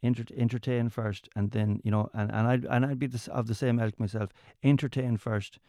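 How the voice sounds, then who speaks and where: A comedian and entertainer from County Mayo tells stories as an interview guest in a west of Ireland accent. His medium-pitched voice is steady and dark, recorded clean in a studio with no echo. He halts often, repeating words and restarting phrases.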